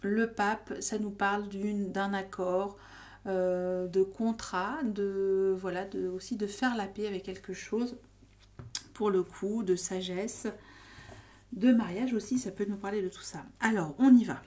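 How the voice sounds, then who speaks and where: A woman's voice: medium pitch, steady tone, measured pace, a little mellow. A woman giving a casual tarot reading to her viewers, talking in a hesitant, meandering way full of fillers and restarts. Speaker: tarot reader.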